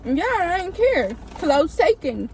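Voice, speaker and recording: A woman's voice: sits high, very animated, moderate pace, a little mellow, a little hiss or hum. A young woman in a parked car, bickering back sassily and defending herself in casual chat. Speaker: vlogger.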